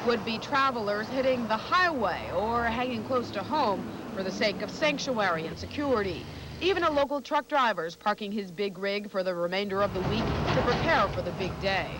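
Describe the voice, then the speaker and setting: A woman's voice: medium pitch, animated, normal speed, background noise. A woman working as a television news reporter, narrating a scripted news package.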